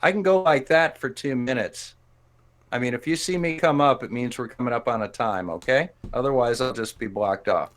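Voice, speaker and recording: Brief: man in his fifties, calm polite debate moderator, sets time rules. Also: medium pitch, moderate pace. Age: 50s.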